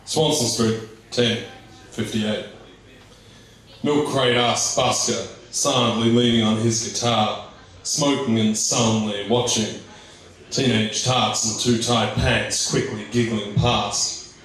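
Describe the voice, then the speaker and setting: A man's voice: lowish voice, fairly even intonation, takes it slowly, fairly bright tone. A man performing slam poetry, telling a story in a theatrical, rhythmic delivery. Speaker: slam poet, competitor. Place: live event in a reverberant venue. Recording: very echoey hall, distant microphone.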